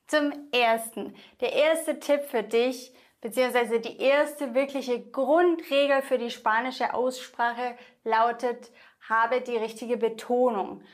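A young woman teaching Spanish pronunciation in German, slowly and carefully, repeating each example word for the listener to echo. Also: a little high. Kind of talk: online language lesson.

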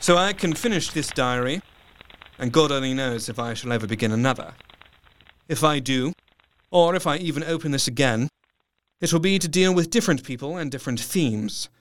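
An actor playing a melancholy Victorian doctor, narrating his diary in measured, literary phrases for a radio play. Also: mid-range voice, animated, a bit bright, dry recording, lightly acted. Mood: sad, resigned. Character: melancholy male doctor, sober Victorian diarist.

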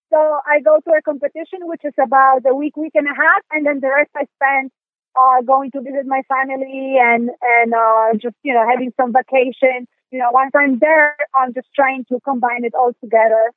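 A woman from Poland with a Polish accent, answering interview questions in a high voice. She talks in halting bursts, full of restarts and fillers. She sounds dry and tinny, as if over a phone line. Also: fairly even intonation, dry recording. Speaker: guest, dog sport competitor. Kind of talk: interview conversation.

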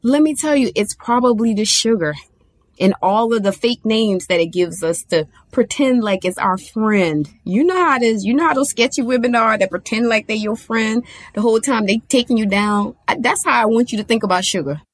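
A woman's voice: a little high, normal speed. A woman delivers a motivational talk in a casual, colloquial way, hammering her points with emphatic repetition. She acts out her own past thoughts as she goes. The sound is dry and close, with no room echo. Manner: colloquial and conversational, addressing listeners directly. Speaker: motivational speaker on diet and sugar.

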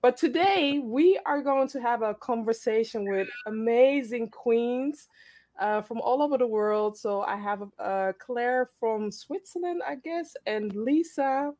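A woman's voice: on the high side, animated, unhurried, mellow, a little hiss or hum. A woman hosting an online panel discussion in a chatty, enthusiastic way. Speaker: host. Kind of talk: casual online panel chat.

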